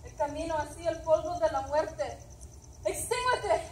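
A woman reciting verse on stage in a measured, declamatory way. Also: sits high, fairly even intonation, dark tone, a little hiss or hum. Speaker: performer reciting translations. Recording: echoey stage from far off.

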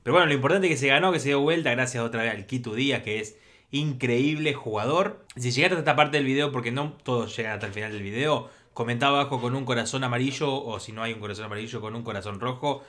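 A man giving live reactions to a football match, breaking into excited shouts at big plays. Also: medium pitch, quick pace.

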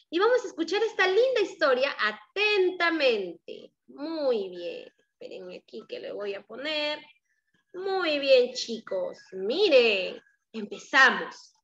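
A woman teacher tells a story to young children with lots of exclamations and questions. Her voice is very high and lively, and she goes slowly. The recording sounds dull and lo-fi. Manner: animated and exclamatory, quizzing the children.

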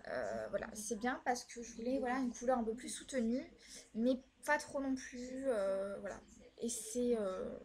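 Reviewing the makeup she bought, this young woman vlogs in an unhurried, chatty way with a fairly high voice and lively intonation. Her speech is full of hesitations and fillers, with "voilà" cropping up often.

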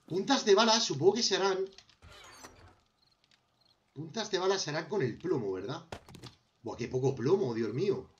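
With a fairly high, animated voice, a young Spanish gamer speaks at a normal speed and pauses often as he crafts in a survival game. He has a Spanish accent and talks both to himself and to viewers as if they were friends. The sound is lo-fi with a little hiss or hum.

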